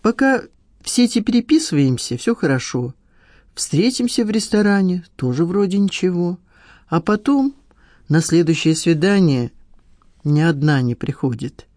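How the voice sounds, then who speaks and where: A petty, self-pitying man, as a reader puts him on, whining and defensive, his voice pushed up high and swinging widely. The reading is dry and close, with a dark, mellow tone. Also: animated, normal speed, dry recording, lightly acted. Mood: whiny. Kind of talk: audiobook dialogue.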